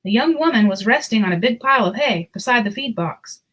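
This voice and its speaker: Expressive and unhurried, a woman reads a children's storybook out loud like a storyteller would. Her pitch runs a little high.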